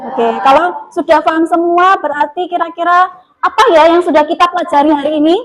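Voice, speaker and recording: High-voiced woman teaching a class. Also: fairly quick, background noise. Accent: Indonesian. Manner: lively, questioning, refers to herself as [name]. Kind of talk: classroom lesson to children.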